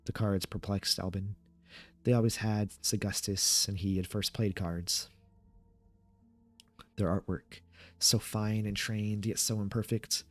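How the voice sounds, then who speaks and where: Low-voiced man narrating a horror story. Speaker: narrator reading horror fiction aloud.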